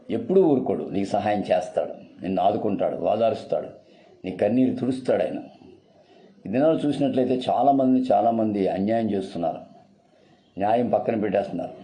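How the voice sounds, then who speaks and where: A man's voice: lowish voice, warm tone, low-quality recording. A man preaching a sermon in an earnest, repetitive, urgent style.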